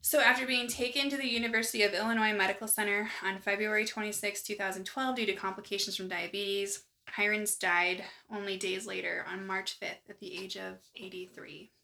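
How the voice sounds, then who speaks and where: A woman co-hosting a true-crime podcast, talking in a chatty, animated way with lots of asides. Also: medium pitch, brisk, creaky, hardly any pauses. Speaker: podcast co-host. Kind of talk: casual true-crime chat.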